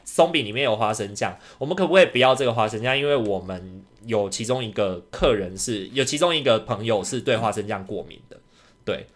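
Fast-talking man telling a story. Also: fairly low pitch. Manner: animated, indignant retelling with acted-out quotes. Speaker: podcast co-host. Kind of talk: casual storytelling chat.

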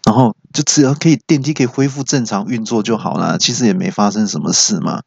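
Animated man telling comic stories. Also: lowish voice, fast talker, creaky, husky, no echo. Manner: animated, stammering restarts. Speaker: comedy podcast host. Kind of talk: comic storytelling. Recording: dry, dull lo-fi.

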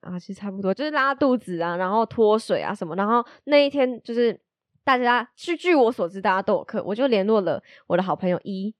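A woman's voice: mid-range voice, animated, dry recording. A woman co-hosting a casual podcast, teasing her partner and telling stories. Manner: teasing, quick and joking. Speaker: podcast co-host. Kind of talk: casual chat, storytelling.

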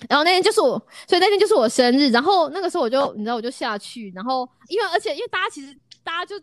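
Fast, lively woman. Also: high-pitched, no echo, studio quality. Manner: animated storytelling, drops English words into Mandarin. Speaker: storyteller in a chat. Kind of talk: casual chat.

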